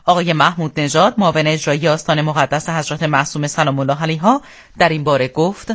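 Solemn, higher-pitched Iranian man reading formal news. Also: fairly even intonation, fairly bright tone. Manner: solemn, formal newsreader delivery. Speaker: radio newsreader. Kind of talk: formal scripted news bulletin. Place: radio studio.

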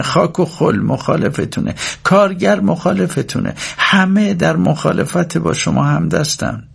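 Man plays a proud, nagging widowed farm mother; higher register, husky grain. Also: heavily acted. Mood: stern. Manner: sharp, complaining, at times tearful whisper.

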